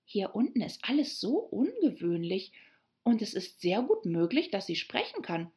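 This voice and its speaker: A woman's voice: mid-range voice, wildly swooping pitch, normal speed, darkish tone. A woman voicing an eager, polite young girl who chatters on apologetically.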